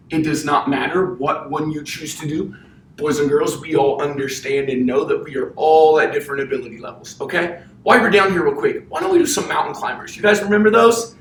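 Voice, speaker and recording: High-voiced young man, kids show host manner. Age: young adult. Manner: kids show host, addressing children with simple repeated cues and questions; physically active while talking. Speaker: elementary P.E. teacher. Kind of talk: children's exercise lesson. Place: indoor classroom. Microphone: distant camera microphone. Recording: roomy, distant mic, faint noise.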